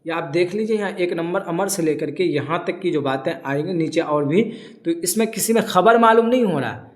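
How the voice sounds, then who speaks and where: Grammar teacher, quizzing himself, echoey room. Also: male voice, on the high side. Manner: drills by asking questions and answering them himself. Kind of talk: classroom lesson.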